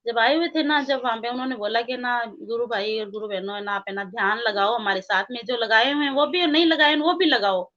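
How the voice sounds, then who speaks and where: A woman's voice: fairly high pitch, fairly quick, few pauses, a bit bright, dull audio. A woman earnestly recounting a spiritual experience in a casual, repetitive way, often quoting her own prayers. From India. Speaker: guest devotee.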